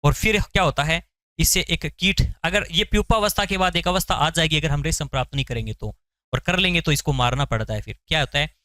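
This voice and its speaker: Male tutor, question-and-answer drilling style, slightly high voice, no room echo. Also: fairly quick, sharp tone. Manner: asks questions then answers them; repeats key terms for memorizing. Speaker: science teacher. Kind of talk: exam-prep lecture.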